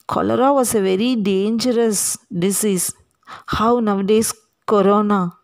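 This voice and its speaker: A woman teacher reads a story aloud to her class. She goes at a slow, deliberate pace, stretching words for emphasis. Her voice sits a little high, and she breaks off to explain things and to put questions to the listeners.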